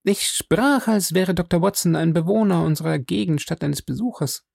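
A man voicing a young woman who gives urgent, hurried warnings on a lonely moor. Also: high voice, vocal fry, a little mellow, dry recording, studio quality, voice pushed up, heavily acted. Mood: stiff.

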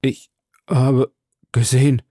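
A man's voice: medium pitch, takes it slowly, dark tone, no echo, studio quality. A man voicing a loyal, devoted male servant, exhausted and speaking with strained, breathless pleading.

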